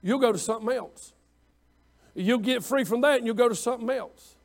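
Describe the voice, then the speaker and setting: High-voiced preacher. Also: male voice, a little fast. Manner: preaching with emphatic swells and repetitions. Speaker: pastor. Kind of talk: sermon. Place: church sanctuary.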